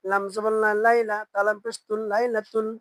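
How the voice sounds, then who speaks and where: A Quran reading teacher with a Bangladeshi Bengali accent who spells each word letter by letter, chants it slowly and asks learners to repeat after them. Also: mid-range voice, little pitch movement, no room sound, low-quality recording. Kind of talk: slow spelled-out recitation lesson.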